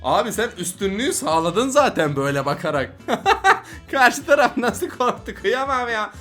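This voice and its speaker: A man's voice: high voice, very animated, moderate pace, bright, forceful tone, soft background music. A man giving casual, playful reaction commentary on funny kid videos, often laughing and teasing the children he watches.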